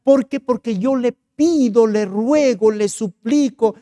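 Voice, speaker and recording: A woman's voice: sits low, moderate pace, mellow, dry recording, close to an everyday voice. A man playing a frustrated middle-aged woman who pleads and questions in a plaintive voice. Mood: pleading.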